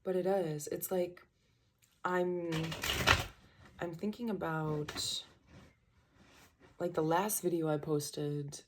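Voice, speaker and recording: In a small home room said to be at night, with birds outside, a young tarot reader gives a casual early-morning reading. Her low, slightly mellow voice is fairly even and slow, with frequent pauses, and she rambles, trails off and breaks into her own sentences. There's a little hiss or hum.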